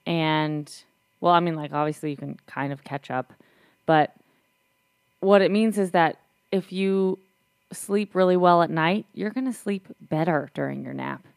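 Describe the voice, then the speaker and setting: Low-voiced young woman, dry close sound. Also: a little slow, gravelly, clean tone, no room sound. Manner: easygoing, affirming. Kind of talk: casual chat about parenting.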